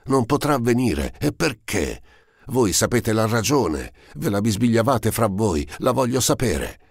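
A man voicing a hoarse, frantic dying mother. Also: rumbling low, animated, moderate pace, dry recording, studio quality. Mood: imperious. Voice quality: rough, hoarse outbursts. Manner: imperious and piercing.

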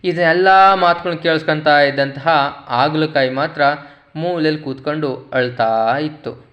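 A man's voice: on the high side, a little slow. A man narrating a humorous storybook tale and speaking to his listeners as friends. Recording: dull lo-fi recording.

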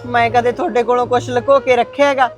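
A woman's voice: a little high, level tone, fast talker, over music, lightly acted. A woman playing a frail old mother-in-law who pleads and complains in a sighing voice in an amateur short film. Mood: plaintive.

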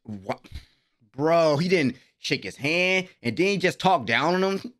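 This young man, an anime reaction host, talks in an unhurried, expressive way with a fairly high, slightly bright voice. His commentary is informal, slangy and exclamatory, picked up by a desk mic close in front of him in a small bedroom streaming setup.

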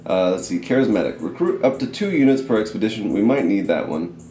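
Low-voiced man chatting over gameplay. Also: expressive, quick pace, mellow. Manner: casual, swears, laughs often. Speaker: let's play co-host. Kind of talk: casual gameplay commentary. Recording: echoey room, faint game music.

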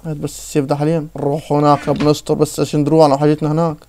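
A young Egyptian man hosting a let's-play, joking around and breaking into excited outbursts. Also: on the high side, rapid-fire, slight background noise. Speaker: gaming channel host. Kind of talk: casual let's-play chat.

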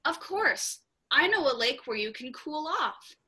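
A good-hearted female camel from a storybook, voiced by a woman narrator. Her tone is bright and kindly, and she sounds ready to stand up for a friend. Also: high voice, very animated, unhurried, full character voice. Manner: kindly, then shouting bravely. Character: kind, brave female camel.

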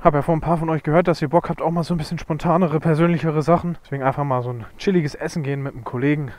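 A man's voice: fairly high pitch, steady tone, very fast, darkish tone. A young man filming a casual vlog, joking around in loose slang with a friend. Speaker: vlogger, Harley employee. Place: dim diner, later outdoors at night. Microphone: action camera on table, then helmet. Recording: music in the background.

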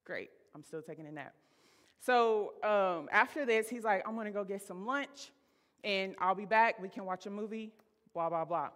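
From a church stage, a woman in her thirties delivers a sermon at a moderate pace in a medium-pitched, fairly bright voice. She laughs and chats through a personal story, calling the congregation y'all, and the sanctuary echoes around her.

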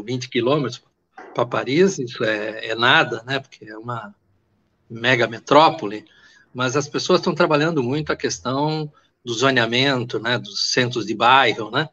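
An older man in his sixties tells local history in a loose, digressive way, often stopping to hunt for a name. His voice sits in an ordinary middle pitch. The sound is muffled, coming through a webcam on a video call. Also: fairly bright tone. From Porto Alegre, Brazil. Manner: digressive, storytelling, searches for names. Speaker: host and history teacher. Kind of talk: conversational history talk. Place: indoors, home room.

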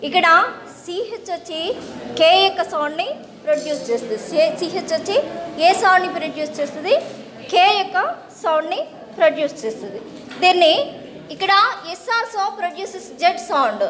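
A woman teaches English pronunciation in a very high voice. She spells each word out slowly, letter by letter, then says it again and asks the class how to pronounce it. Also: animated, crowd noise. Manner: spells words out slowly, then repeats the sound; asks students to read aloud. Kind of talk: classroom phonics lesson.

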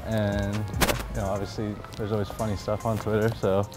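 Loud music plays under this casual interview with a young college baseball player walking outdoors on campus. He has a lowish voice and talks at normal speed. He comes across as relaxed and laid-back, with lots of fillers.

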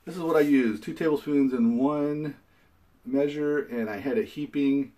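A man's voice: medium pitch, normal speed, mellow. A young man casually vlogging at home, talking in an offhand, self-deprecating way and often trailing off into a mumble. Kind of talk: casual home video vlog.

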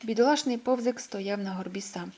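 A woman reading a children's story aloud in a gentle, expressive way. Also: medium pitch, brisk.

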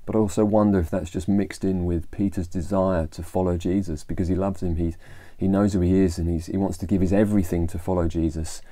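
Low-voiced english guy chatting through a bible story, really mellow tone, dry sound. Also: little pitch movement, fairly quick, few pauses, no echo. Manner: conversational, retelling Bible stories with fillers and restarts. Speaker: church leader. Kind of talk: informal devotional talk.

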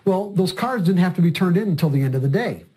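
Older man, trading coach, slightly high voice, rambling interview story, repeats his words. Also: lively intonation, quick pace, mellow.

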